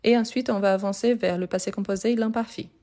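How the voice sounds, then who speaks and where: A woman's voice: medium pitch, fairly even intonation, fast talker, mellow. A woman teaching French grammar in a live online lesson, repeating and spelling out each word and answering viewers' questions.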